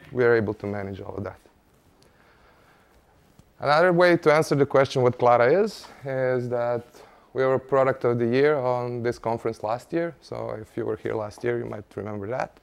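A man's voice: mid-range voice, clean tone. A man from Croatia, giving a conference presentation in a conversational way with light humor and frequent "uh" fillers. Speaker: conference speaker, engineering manager. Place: conference stage before an audience.

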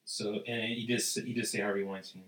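A man's voice: fairly even intonation, fairly quick, fairly bright tone, roomy sound, distant mic, rough recording. A man co-hosting a podcast, rambling crudely through stories in casual chat. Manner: rambling, crude, acts out quotes in a high voice.

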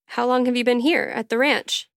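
A woman's voice: a little high, steady tone, normal speed, no room sound, studio quality, natural voice. A woman playing a lovesick, heartbroken young woman who is pining for her ex in a comedy audio drama. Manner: moping, earnest.

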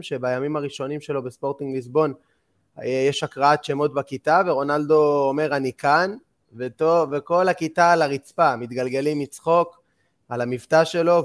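Animated man telling stories on a podcast. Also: a little high. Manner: animated storyteller, many "uh" fillers. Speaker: podcast co-host. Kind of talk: casual storytelling chat.

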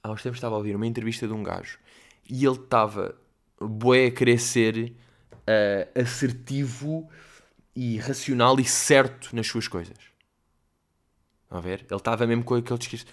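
A man with a European Portuguese accent hosting a casual solo podcast. He tells anecdotes in a loose, rambling, chatty style full of slang fillers, at an ordinary middle pitch. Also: normal speed, pauses often. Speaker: podcast host. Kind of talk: casual storytelling monologue.

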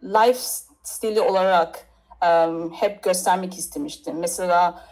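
A woman's voice: on the low side, measured pace, darkish tone, rough recording. Hesitant woman from Nigeria chatting. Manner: hesitant, searching for words in non-native Turkish. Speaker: interview guest. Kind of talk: casual interview chat.

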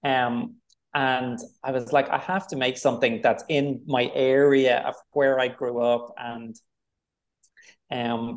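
A man with a Dublin accent, a film director talking casually in an interview, rambling with lots of fillers. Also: mid-range voice. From Ireland. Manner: rambling, relaxed, many fillers.

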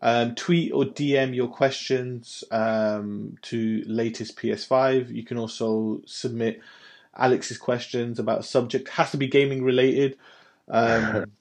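A man co-hosting a gaming podcast in casual chat, tired and relaxed, with plenty of ums. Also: mid-range voice, measured pace. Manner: relaxed, says "dude" and "um" often. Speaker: podcast co-host.

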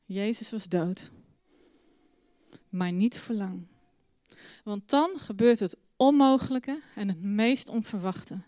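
A woman telling a Bible story to children in church, with a lively, expressive storytelling manner. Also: mid-range voice, takes it slowly, pauses often, no room sound.

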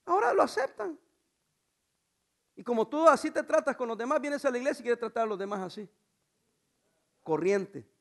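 High-voiced preaching pastor, a man. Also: moderate pace, creaky, long pauses. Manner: animated preaching with rhetorical questions and humor. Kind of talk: sermon.

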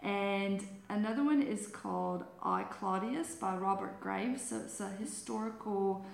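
A woman's voice: medium pitch, unhurried, gravelly. An American woman with an Alabama accent, chatting casually and animatedly about books on a podcast. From United States. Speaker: podcast panellist. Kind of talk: casual book chat on a podcast. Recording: roomy echo, faint background noise.

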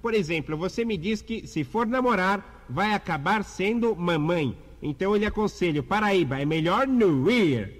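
A man's voice: high-pitched, expressive, normal speed, hardly any pauses, long reverb tail. A man playing a pompous, self-important mock English teacher in a radio comedy sketch, lecturing grandly.

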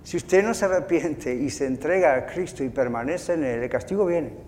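High-pitched guy preaching, acts out little voices, echoey hall. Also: moderate pace, a little mellow, a little hiss or hum. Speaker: pastor. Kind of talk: sermon.

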